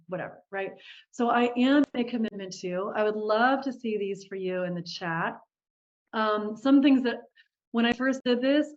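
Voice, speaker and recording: A woman leading a live online group coaching session, upbeat and encouraging, often laughing as she talks to participants. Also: mid-range voice. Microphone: video call. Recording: dull lo-fi video call audio.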